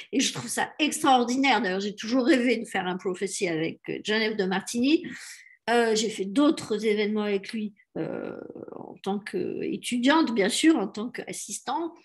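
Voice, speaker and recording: A woman's voice: fairly high pitch, expressive, unhurried. A woman from France giving a spiritual coaching talk as a life coach, with many fillers and self-corrections.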